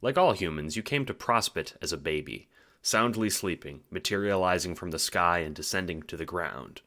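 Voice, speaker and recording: A man with a low voice narrates a scripted second-person story as an audiobook at normal speed. His delivery is theatrical and expressive.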